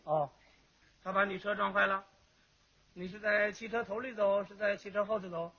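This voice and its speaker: A man with a Beijing accent voicing a stern male traffic policeman who questions a cyclist in a brisk manner, in a comic crosstalk routine. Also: high voice, steady tone, husky. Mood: interrogating. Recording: dull lo-fi old recording.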